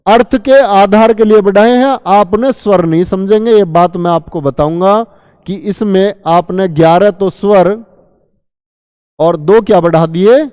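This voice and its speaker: High-pitched guy teaching grammar, calls everyone kids, dry mic but kinda hall-y reverb. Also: a little mellow, smooth. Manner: asks students questions and answers them himself; calls listeners children. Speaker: Hindi teacher. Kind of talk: exam-prep grammar lesson.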